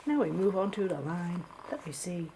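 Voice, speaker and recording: A woman playing a blunt, teasing palm reader in an ASMR role-play, with a Singaporean or Malaysian English accent, clipped grammar and deadpan, musing delivery. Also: fairly low pitch, normal speed. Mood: musing, matter-of-fact. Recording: clear steady background noise.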